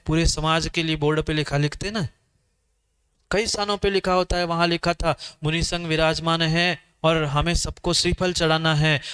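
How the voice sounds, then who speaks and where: A man's voice: fairly high pitch, a bit bright, smooth. A man preaching a sermon, speaking emphatically, repeating phrases and asking his listeners questions. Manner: repetitive, emphatic, asks the audience questions. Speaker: Jain monk preacher. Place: sermon hall.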